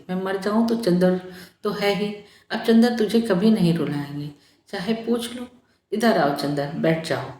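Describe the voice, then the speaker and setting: A woman's voice: mid-range voice, darkish tone, roomy sound, lightly acted. A woman voicing a dying young woman, weak and tender. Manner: weak, pleading, turns frightened and delirious.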